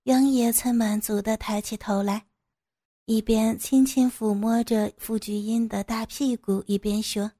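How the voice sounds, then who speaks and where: A woman reading a scripted story in a soft, even narrating voice. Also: a little high, unhurried.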